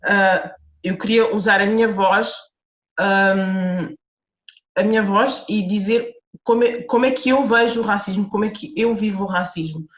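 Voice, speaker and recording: A Lisbon-accented Portuguese author appears as a podcast guest, speaking in a mid-range voice with a steady tone and moderate pace. She is earnest and reflective and often restarts her sentences, and the audio sounds roomy, dull, and lo-fi.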